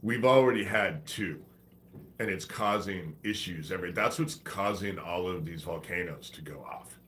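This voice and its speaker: Here a livestream host, stuffed up with a head cold, rambles casually and curses often. He speaks in a deep, fairly bright voice at a normal speed, with a bit of background noise.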